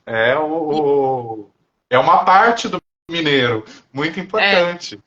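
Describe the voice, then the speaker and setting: A reflective man co-hosting a casual live talk, thinking aloud in halting phrases. His voice sits a bit high for a man. The sound is dull and lo-fi. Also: lively intonation, a bit bright. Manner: reflective, halting, many fillers and restarts. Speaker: therapist and co-host. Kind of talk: casual live-stream chat.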